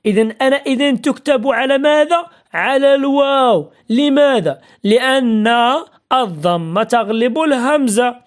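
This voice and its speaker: A woman teaching a spelling lesson, patiently asking and answering her own questions and drilling example words slowly. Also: sits high, animated. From Morocco.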